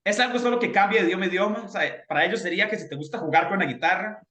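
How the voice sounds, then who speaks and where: A man's voice: high-pitched, very fast, fairly bright tone, echoey room. A man teaching a beginner English class, patiently explaining grammar and often checking in with his students.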